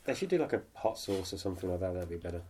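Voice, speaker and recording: Joking podcast host, lively pitch. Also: male voice, rapid-fire, slight background noise. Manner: joking, leads the show. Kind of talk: casual banter.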